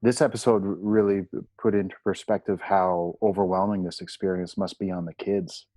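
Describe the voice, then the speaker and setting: A man's voice: deep voice, flat delivery, normal speed, dark tone, dry recording. A man co-hosting a TV recap with casual commentary. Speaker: co-host of a TV recap show.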